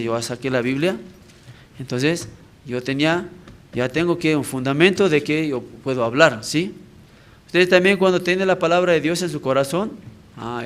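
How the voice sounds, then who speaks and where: A male evangelist giving a personal testimony at a church prayer service, talking conversationally and often checking in with the congregation with short tag questions. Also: on the high side.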